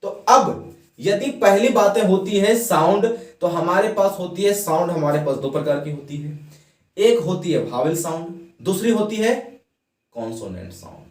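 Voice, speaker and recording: A man's voice: high-pitched, expressive, moderate pace, darkish tone, reverberant, far from the mic. A man teaching English grammar in a classroom lesson. He puts questions to the students, answers them himself, and has them repeat words after him.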